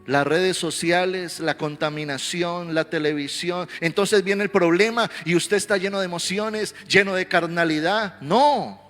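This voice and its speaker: A male pastor preaching a sermon, telling stories animatedly and swelling into loud exhortation. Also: high-pitched, steady tone, normal speed, few pauses. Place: church sanctuary. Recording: reverberant hall with faint music.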